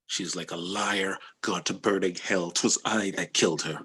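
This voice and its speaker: A man's voice: deep voice, fairly even intonation, moderate pace, bright, forceful tone. A man playing a tormented, jealous husband and lord, brooding and declamatory, in a Shakespearean tragedy reading. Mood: bitter self-justifying. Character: tormented, jealous husband and military lord who has killed. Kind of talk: Shakespearean tragedy cold read.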